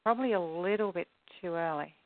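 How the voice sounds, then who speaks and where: A woman's voice: lowish voice, brisk, dry recording. A woman heard over the phone, friendly and polite, repeating details back to confirm them. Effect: heard over a phone line. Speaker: caller. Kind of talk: phone call arranging a meeting time. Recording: tinny phone line.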